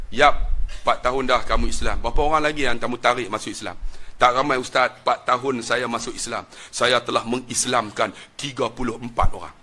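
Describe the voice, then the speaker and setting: A middle-aged man with a Malaysian Malay accent preaching a sermon, telling a story dramatically and swinging between loud outbursts and hushed asides. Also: medium pitch.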